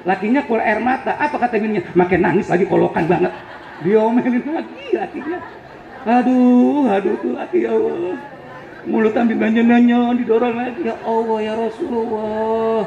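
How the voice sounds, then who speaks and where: Joking preacher in an echoing hall. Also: male voice, very high voice, normal speed, gravelly, dark tone, highs cut off. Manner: joking, storytelling, teasing. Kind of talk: humorous sermon. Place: event hall on a campus. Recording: echoey hall with faint crowd.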